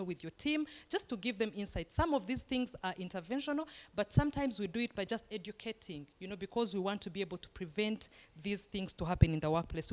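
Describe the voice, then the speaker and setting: A woman hosting and moderating a webinar, speaking directly to the audience in an encouraging way before passing questions to a guest. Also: mid-range voice. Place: video call.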